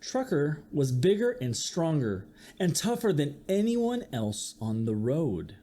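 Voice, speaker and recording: Reading a children's picture book to a young audience, a teacher performs it with expression and a slow pace, making sound effects and chatting to listeners along the way. The voice sits at a medium pitch.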